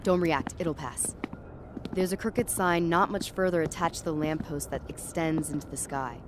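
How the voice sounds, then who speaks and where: Her voice here is low-pitched and natural, moving at a normal speed as she narrates in first person as a jittery, stumbling young woman heading home after dark. It's a dramatic audio piece with an uneasy, watchful feel, backed by clear ambience of street and traffic.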